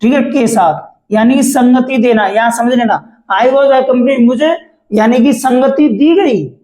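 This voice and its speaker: Teacher in an echoey room, asking and answering himself. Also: male voice, very high-pitched, slow pace, warm tone. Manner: repeats questions to the class and answers them himself. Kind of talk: explaining a textbook chapter.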